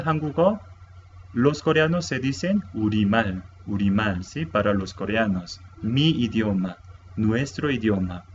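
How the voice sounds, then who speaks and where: A native Korean speaker teaches a language lesson in Spanish, halting as he goes, repeating words and often checking "¿sí?". His voice is medium-pitched, and the lo-fi recording has slight background noise.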